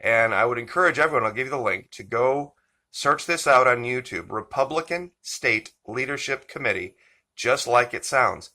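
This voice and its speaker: A man with a bright, forward voice hosting a political commentary channel. He speaks slowly and deliberately, leaning on each point. His pitch sits at an ordinary middle height. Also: lively intonation. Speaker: channel host.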